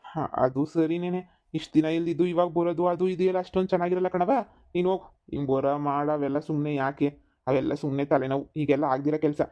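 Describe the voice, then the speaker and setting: Woman casting as a stubborn, self-pitying old father-in-law for a cartoon comedy: low, dark, grumbling, slightly lo-fi. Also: fairly even intonation, brisk, lightly acted. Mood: sulky. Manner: grumbling, sulky and complaining. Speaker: cartoon voice actor.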